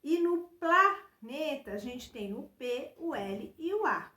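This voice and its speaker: A woman teacher with a Brazilian accent guiding children through a workbook exercise, spelling out syllables and letters patiently and filling pauses with little check-ins. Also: sits high, lively intonation, darkish tone, reverberant. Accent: Brazilian Portuguese. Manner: addresses children directly, many fillers like "né" and "então". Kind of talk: remote lesson walking through a workbook.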